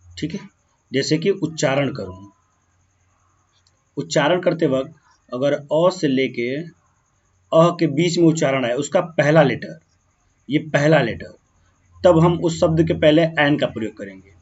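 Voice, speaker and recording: A man teaching a grammar lesson, slowing down as he writes words out and often checking that students follow. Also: on the high side, animated, a little mellow, breathy edge. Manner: keeps checking in with "ठीक है ना" and "clear है"; slow, drawn-out when writing words. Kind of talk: grammar lesson explaining on a board. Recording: dull, muffled lo-fi sound.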